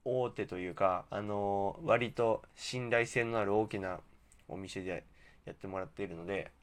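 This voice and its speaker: On a casual solo radio talk, a podcast host speaks at normal speed with a lowish voice. He rambles and corrects himself, and his articulation is slightly slurred because he's wearing a mouthguard.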